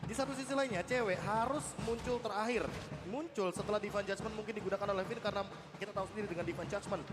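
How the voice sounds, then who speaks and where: A man's voice: high voice, fast talker, background noise. An Indonesian man giving analytical live commentary on an esports match. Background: music.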